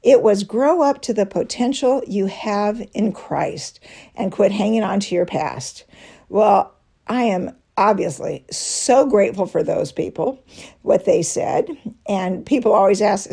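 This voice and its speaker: A woman's voice: mid-range voice, a little slow, vocal fry, warm tone, husky. A middle-aged woman giving a devotional teaching talk to a women's fellowship, telling personal stories with light laughs. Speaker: women's ministry speaker.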